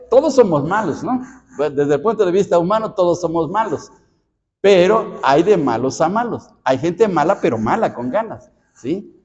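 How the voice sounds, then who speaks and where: A man with a Mexican accent leads a Bible study as pastor, talking conversationally and often checking in with the congregation. His voice sits a little high. The recording is dull and carries a long hall reverb. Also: a little mellow. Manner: conversational, asks the congregation "¿sí?" often, repeats words.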